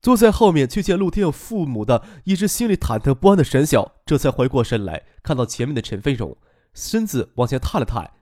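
A man's voice: mid-range voice, sing-song, a little fast, darkish tone, no echo, studio quality. A man narrating a serialized novel as an audiobook storyteller.

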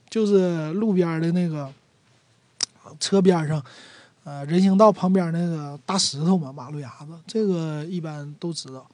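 A dialect teacher from Northeast China, speaking with a Northeastern Mandarin accent at medium pitch, casually explains local dialect words. He explains slowly, then performs example lines in a lively voice. There is no echo.

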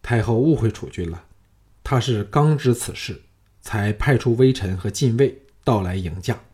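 Storybook young general, calm, persuasive, mellow voice , man reads him. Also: lowish voice, normal speed, close to an everyday voice. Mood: formal. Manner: composed, persuasive.

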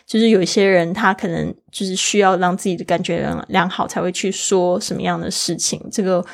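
A woman's voice: on the low side, steady tone, brisk, vocal fry. Woman teaching English pronunciation, patient. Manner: explains patiently, spells words letter by letter. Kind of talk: casual language lesson.

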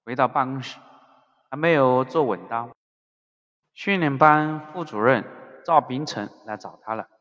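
A man's voice: medium pitch, unhurried, long pauses, fairly bright tone. Man narrating an audiobook, reverby. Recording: dull audio with long reverb.

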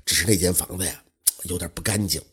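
A man doing a timid, hushed old innkeeper. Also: sits low, quick pace, breathy edge, pitched below the performer's own voice, exaggerated voice. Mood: apologetic. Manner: hushed, apologetic, sighing.

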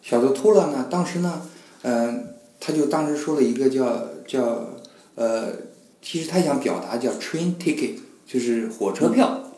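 A male guest in casual conversation, telling stories with lively acted-out dialogue. His voice is mellow and dark, recorded in a room with a noticeable echo. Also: medium pitch, normal speed. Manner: animated storyteller, acts out scenes with voices and sounds.

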